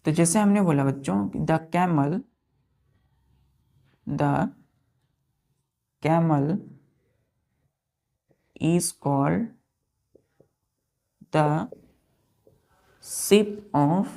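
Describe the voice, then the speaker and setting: A woman teaching English vocabulary to exam students. She explains each word slowly and twice, and keeps asking the students questions. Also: sits low, gravelly, mellow. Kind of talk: classroom lesson for exam students.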